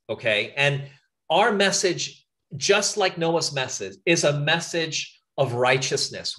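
A man delivering a sermon at an outdoor camp meeting, his voice sitting a little high with lively, swinging pitch. He is earnest, stresses points by repeating them and keeps asking listeners to stop and think. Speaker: preacher.

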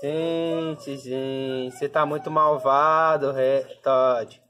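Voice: mid-range voice, steady tone, very slow. A Brazilian pet owner speaking to the camera in affectionate baby talk while feeding the dogs at home. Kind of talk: casual pet vlog narration. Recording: echoey room with noise. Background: dogs barking and growling.

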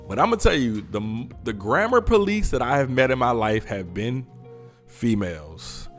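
Male podcast host, lively swinging pitch, teasing and laughing, faint music behind. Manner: animated, laughing often, teasing rhetorical questions. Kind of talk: casual commentary.

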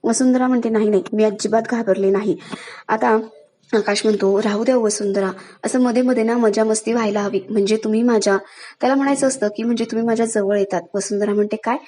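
A woman narrating a recap of a TV serial episode in a steady storytelling manner, reading out the characters' lines as she goes. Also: a little high, fast. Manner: steady storytelling, voicing the characters' lines without big changes.

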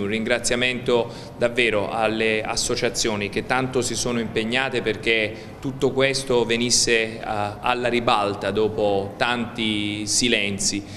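A man's voice: medium pitch, fairly bright tone, long reverb tail, slight background noise. A man presiding over a council session, giving a solemn formal speech with hesitant fillers. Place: council chamber.

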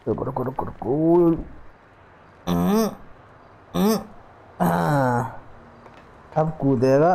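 A man streaming a video game, chatting casually with viewers and shouting excitedly at the action. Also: fairly high pitch. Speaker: gaming streamer. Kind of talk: casual live gameplay commentary.

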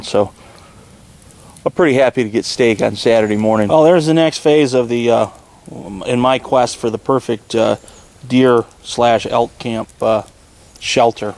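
A man in his forties, relaxed and rambling with many ums and uhs, talking casually about camping in the snowy woods to a camera mic. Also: lowish voice, vocal fry. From Michigan, USA. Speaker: outdoor vlogger. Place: snowy woods outdoors, under a tarp shelter.

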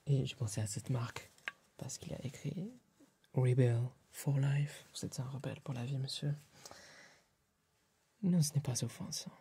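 In a small room made to look like a tailor's shop, a young man whispers through an ASMR roleplay as a courteous, fussy tailor. He's breathy and hesitant at a moderate pace, pausing often, his medium-pitched voice mellow and slightly rough against the close microphone.

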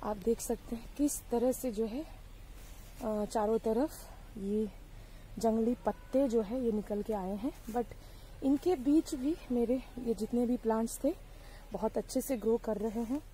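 Filmed on a handheld phone in a low-quality recording with a little hiss or hum, a young woman speaks a bit slowly in a warm, high-side voice. She gives a casual tour of her sunny vegetable garden, chatting to viewers as friends with plenty of fillers while sun and mosquitoes make her hot and bothered.

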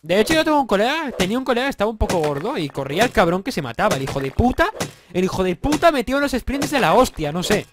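A man's voice: sits high, quick pace, background noise. A young man from Spain with a Spanish accent, giving casual let's-play commentary, joking and swearing, a little congested with a sore throat. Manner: excitable, swearing, joking, bursts into yells. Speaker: gaming YouTuber.

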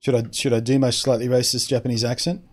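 A man's voice: mid-range voice, level tone, quick pace. A man chatting casually on a live stream, answering chat in an opinionated, rambling way, often trailing off and restarting his sentences.

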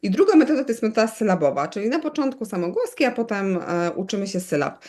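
A middle-aged woman from Poland, a teacher of bilingual children, speaking in an easygoing interview. She explains at length, keeps turning to her listener with quick asides, and fills pauses with small hesitations. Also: mid-range voice, big pitch swings, a little mellow. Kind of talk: conversational expert interview.

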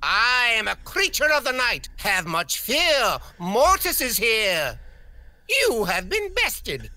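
A boastful high vampire undertaker. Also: male voice, wildly swooping pitch, drawn-out words, bright, forceful tone, no room sound, exaggerated voice. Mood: menacing. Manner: theatrical, boastful declaiming. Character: grandiose male vampire undertaker, theatrical. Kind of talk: video game voice lines.

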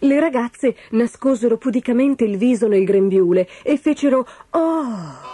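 A woman narrating a children's fairy tale in an expressive, lively storytelling manner. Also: fairly high pitch, normal speed. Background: background music.

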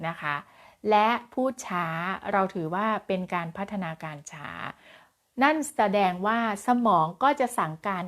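A woman child development coach giving an advice lesson to parents, chatty and expressive, with many fillers and soft polite endings. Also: medium pitch, unhurried.

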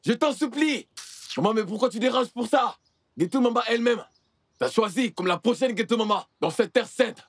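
Guy doing bloodthirsty gang son, high husky voice, begging hard. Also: moderate pace, no room sound, clean studio sound. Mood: vehement. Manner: pleading then vehement. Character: hot-headed young male gangster son, bloodthirsty. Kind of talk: dubbed film dialogue.

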